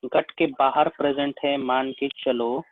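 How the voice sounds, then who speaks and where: A biology teacher with an Indian accent lectures at a whiteboard, explaining slowly, step by step and repetitively, and checking in with his students again and again with "है ना?". His mid-range voice is steady, and the recording sounds tinny and phone-like, dry with no room sound.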